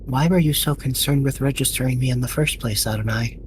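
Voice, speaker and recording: A woman doing a measured, probing android. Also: very deep voice, darkish tone, a little hiss or hum. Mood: even. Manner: measured, observant, blunt. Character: calm, probing android companion. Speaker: fandub voice actor.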